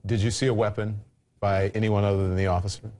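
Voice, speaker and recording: A man with a fairly low voice interviews a witness. He puts his questions haltingly, often restarting and rewording them as he goes. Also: flat delivery, a little mellow.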